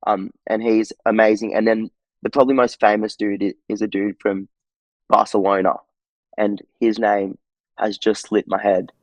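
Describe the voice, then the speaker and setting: A young man with an Australian accent talks easily as a podcast guest, his voice sitting low. He rambles in a laid-back way, dotting his talk with fillers. The sound is close and dry. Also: level tone, moderate pace, no echo, lo-fi sound. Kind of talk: casual interview chat.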